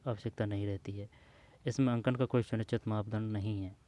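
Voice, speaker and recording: This exam prep teacher reads old exam questions out loud, chatting informally and going back over the answer choices as he verifies them. His pitch is fairly low, his tone steady and mellow, and his pace brisk.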